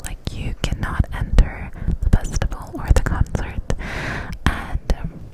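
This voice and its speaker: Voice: unhurried, rough recording. A person telling a casual story in an ASMR ramble, in a close-up cupped-hand whisper right at the mic. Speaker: ASMR creator.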